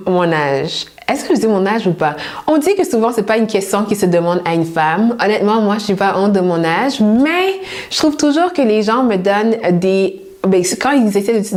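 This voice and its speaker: A young woman from Canada with a Québécois accent, answering questions in a casual vlog, chatty and hesitant with fillers. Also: mid-range voice. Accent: Québécois French. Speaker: YouTube host.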